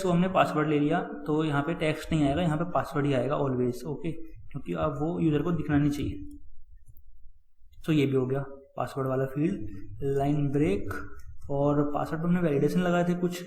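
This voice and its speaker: In a chatty screen-recorded lesson, a man teaches web coding and talks straight to viewers, calling them "guys" and "brother" and repeating key points. His voice is a little high and a little mellow. The audio is poor, with an echoey room sound.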